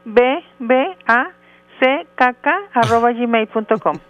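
A woman's voice: a little high, steady tone, no echo, faint music behind. Polite woman on a muffled phone line. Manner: polite, patient, quick to answer. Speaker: receptionist taking a call. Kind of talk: phone call.

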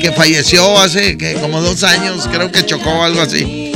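A man with a Mexican accent hosting a radio request show, trading loud jokes with callers. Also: fairly high pitch, steady tone, moderate pace, creaky, loud music behind the voice. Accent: Mexican Spanish. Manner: loud joking banter with callers. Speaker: radio DJ host.

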